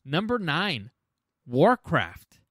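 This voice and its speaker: Ranking video game movies on a podcast, this male co-host keeps things casual and informal, swearing now and then. He talks very slowly at a fairly high pitch that swoops wildly, with a slightly bright tone in a dry, clean studio recording.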